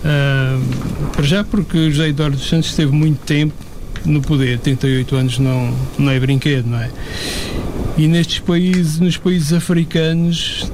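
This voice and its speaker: A man commenting in a casual discussion, measured and analytical, with some fillers. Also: on the high side, a little mellow, slight background noise.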